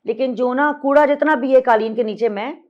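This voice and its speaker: A woman's voice: sits high, brisk, lo-fi sound. A woman in her fifties, a podcast guest, speaking candidly and reflectively in a mixed Hindi-Urdu and English conversation, with emphatic repetition. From Pakistan.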